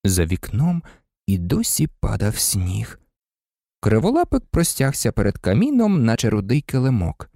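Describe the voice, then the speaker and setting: Expressive male audiobook narrator, warm tone. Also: lowish voice, a little slow, gravelly, no room sound, clean studio sound.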